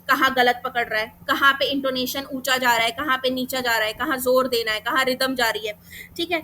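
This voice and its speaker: A woman with an Indian accent teaches an exam-prep class, walking through each step and answering her own questions as she goes. Her voice sits high and sounds bright and clear. A faint hiss runs underneath. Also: rough recording. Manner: explains step by step, rhetorical questions, frequent "theek hai".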